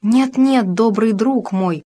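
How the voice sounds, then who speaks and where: A woman's voice: medium pitch, moderate pace, a little mellow, natural voice. A woman reading the lines of an anxious, loving young noble bride in an audiobook, with urgent, emotional pleading.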